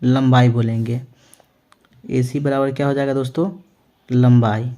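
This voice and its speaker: A male maths teacher talks through a lesson in a warm, mellow voice at a middling pitch. He keeps asking the viewers questions and answering them himself, and he checks in with them after nearly every point. When he writes on the board, he slows down and spells out his words. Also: little pitch movement, highs cut off. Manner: ends phrases with a reassuring check-in. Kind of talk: classroom-style lesson.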